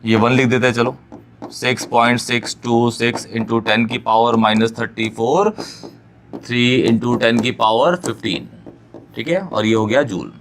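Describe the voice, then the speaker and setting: A male chemistry teacher giving an exam-prep lecture, often checking that students follow and repeating key phrases slowly for them to note down. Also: mid-range voice, fairly even intonation, creaky, a little hiss or hum. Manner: keeps checking understanding, addresses students fondly.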